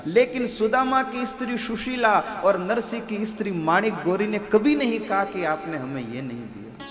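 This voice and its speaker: A male preacher narrating a devotional story in a lively sermon, with asides to the audience. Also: high voice, normal speed. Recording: reverberant hall with music behind.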